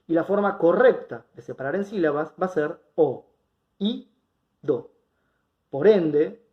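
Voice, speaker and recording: A man teaching an online grammar lesson, explaining step by step and often checking in with his students. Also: on the high side. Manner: patient, explanatory, checks in with students with rhetorical questions. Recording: dull lo-fi recording.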